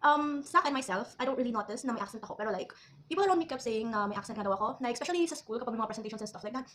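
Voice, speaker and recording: A young food vlogger from the Philippines talks at a very quick clip while she eats. Her voice sits slightly high, and she tosses playful asides to her viewers between bites. A faint ambient noise runs under the recording. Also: a bit bright. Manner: chatty, code-switching, teasing asides while eating. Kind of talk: casual mukbang chat.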